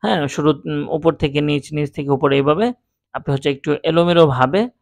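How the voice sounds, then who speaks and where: A man's voice: on the high side, fairly quick, vocal fry, no echo. A man teaching Quran reading step by step, patiently sounding out each letter with firm stress. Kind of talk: step-by-step recitation lesson.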